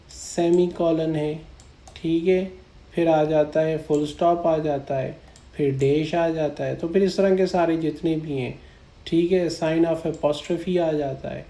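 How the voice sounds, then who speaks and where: A male English teacher walks through grammar slides at an unhurried, deliberate pace. His voice is mellow and soft-edged, and the room gives it a noticeable echo. He reads example sentences slowly and keeps checking that the listener follows. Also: fairly high pitch. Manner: repeats "right?" and "theek hai" to check in. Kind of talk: grammar lesson explaining slides. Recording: echoey room.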